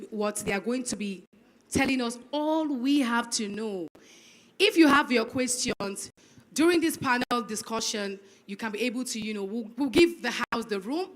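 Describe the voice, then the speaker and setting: A Nigerian woman hosting a public forum as emcee, lively and upbeat, hyping the audience and introducing the next segment. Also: a little high. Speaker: master of ceremonies. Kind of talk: event hosting. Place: event hall.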